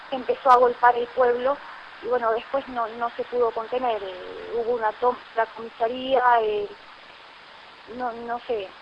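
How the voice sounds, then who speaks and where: A woman's voice: a little high, lo-fi sound, a little hiss or hum. A woman from La Rioja, Argentina, with an Argentine accent, recounting events urgently as an activist in a radio interview. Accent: Argentine Spanish. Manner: urgent, indignant testimony with many fillers. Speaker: community activist.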